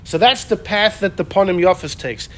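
A man with a notably high voice leads an informal Torah class. He talks in a lively way, repeats his points and acts out the quoted speakers as he goes. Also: normal speed, faint music behind.

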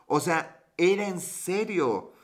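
This young Mexican streamer's voice sits high, and he talks expressively at a slow pace. Laughing a lot, he wanders through a slang-filled story while responding to his chat.

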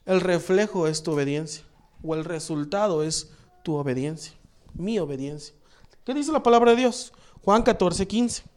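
A high-pitched male pastor delivers a sermon. He is emphatic, repeats key phrases and puts questions to the congregation.

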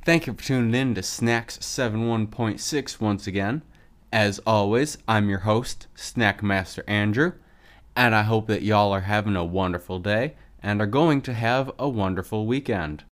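A man's voice: fairly low pitch, normal speed. A man hosting a casual solo podcast, speaking with a lisp in a chatty, enthusiastic way. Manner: chatty and enthusiastic about snack foods. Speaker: podcast host.

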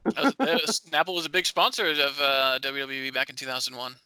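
A man's voice: medium pitch, lively intonation, fairly quick, bright, forceful tone, clear, resonant tone. A man co-hosting a podcast in casual chat, wry and sarcastic, laughing often. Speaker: podcast co-host.

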